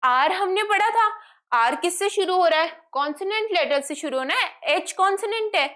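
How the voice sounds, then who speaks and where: A woman with an Indian accent teaching an online grammar lesson. She explains slowly and asks her students questions that she answers herself. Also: very high voice, animated, sharp tone. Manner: explains slowly in English, then fast in Hindi, asking and answering her own questions. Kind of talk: online lesson, mixing Hindi and English.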